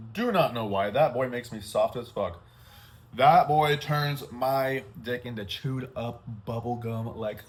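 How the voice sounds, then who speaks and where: A man's voice: lowish voice, a little hiss or hum. A young man, chatting candidly and rambling while he eats, swearing freely. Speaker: mukbang vlogger. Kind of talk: casual chat while eating.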